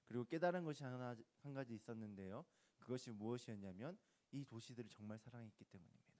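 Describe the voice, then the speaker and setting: A man in his thirties giving a conversational youth sermon as pastor, asking the listeners questions and swinging from loud emphasis to soft hushed asides. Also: mid-range voice, fast talker.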